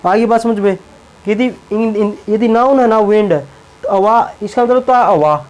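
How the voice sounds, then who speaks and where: Young male teacher with a high voice who repeats key words and keeps checking in with the class. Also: unhurried, darkish tone, poor audio. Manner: repeats words and tags lines with a check-in phrase. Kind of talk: classroom lesson explaining English verbs in Hindi.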